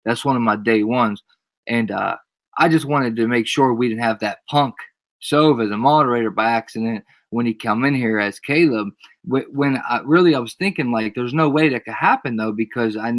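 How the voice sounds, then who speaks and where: A man's voice: mid-range voice, moderate pace, a bit bright, no room sound. A man hosting a live stream, chatting casually in slangy, repeated short phrases. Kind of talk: casual chat.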